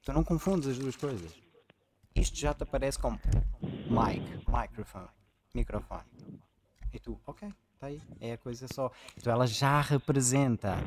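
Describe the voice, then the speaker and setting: A man talks in an eager, animated way as he explains ideas during an informal lesson. His voice sits at an ordinary middle pitch, and he speaks like a relaxed teacher working through a reading with a young listener. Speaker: reading group leader. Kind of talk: informal teaching chat with a child.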